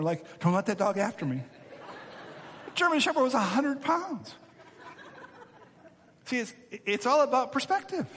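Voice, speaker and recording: Male pastor, fairly high voice, emphatic sermon delivery, long hall reverb. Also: slight background noise. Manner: animated, emphatic, repeats words.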